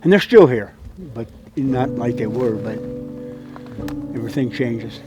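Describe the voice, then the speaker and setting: A man's voice: mid-range voice, measured pace, over music, low-quality recording. A man in his eighties telling hunting stories outdoors in a canyon, rambling and often stammering and repeating his words. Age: 80s. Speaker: interviewed guest, hunting guide. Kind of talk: casual storytelling chat.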